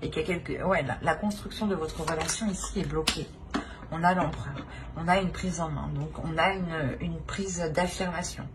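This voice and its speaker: Speaking at a moderate pace in a low voice, this tarot reader improvises a reading for the listener, her phrasing hesitant and repetitive. The recording carries clear background noise.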